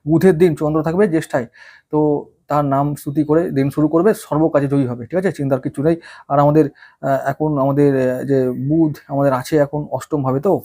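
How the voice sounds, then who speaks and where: A man's voice: fairly high pitch, mellow. A man giving a casual, folksy weekly horoscope talk as an astrologer, full of rhetorical questions.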